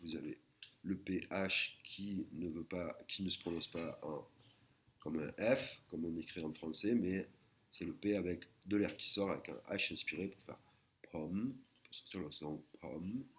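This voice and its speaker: A man teaching a recorded language lesson, patiently explaining and sounding out words slowly, syllable by syllable. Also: low-pitched. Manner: slow, careful, syllable-by-syllable pronunciation of Thai words.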